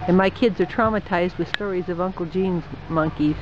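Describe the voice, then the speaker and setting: A woman's voice: lowish voice, a little fast, dull audio, noisy background. A woman filming a family trip and pointing out sights to the camera, heard through old camcorder audio. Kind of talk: casual travel home video.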